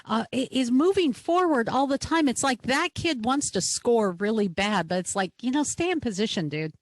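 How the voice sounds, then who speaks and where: Woman hosting a sports chat podcast, bit high voice, upbeat and chatty, dry sound. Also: lively intonation, moderate pace, no echo. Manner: chatty and upbeat, laughs easily. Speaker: podcast host.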